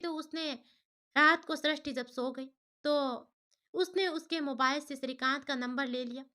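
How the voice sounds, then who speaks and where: Woman storyteller, high clear bright tone, steady scripted narration. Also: measured pace. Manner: steady, plain first-person telling.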